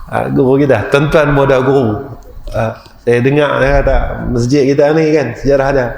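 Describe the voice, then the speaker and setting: A man's voice: mid-range voice, fairly even intonation, normal speed, creaky, darkish tone, a little hiss or hum. A male preacher with a Kedah Malay accent, giving a storytelling mosque lecture and often addressing the audience directly. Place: mosque hall. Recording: echoey mosque hall, faint ambience.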